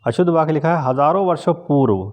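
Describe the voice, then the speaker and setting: A man teaching an exam class on spelling correction, calmly going through each word and repeating its correct form. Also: fairly high pitch, fast. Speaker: Hindi exam tutor.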